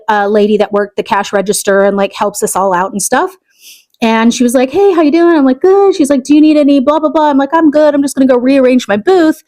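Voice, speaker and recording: A woman's voice: fairly high pitch, darkish tone. A woman in her thirties telling a personal story to camera in a chatty way, with many fillers. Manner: chatty, many fillers, acts out quoted voices. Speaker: vlogger. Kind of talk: casual storytelling.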